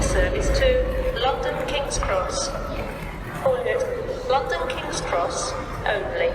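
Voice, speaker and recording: A woman giving automated railway station announcements over a public address loudspeaker in measured, evenly spaced phrases. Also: fairly high pitch. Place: large railway station concourse. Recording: echoey station hall from far off.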